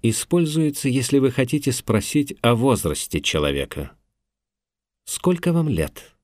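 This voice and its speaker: A man narrating a language lesson in a measured, instructive way, recorded on a close studio mic. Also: medium pitch, big pitch swings, darkish tone, no echo.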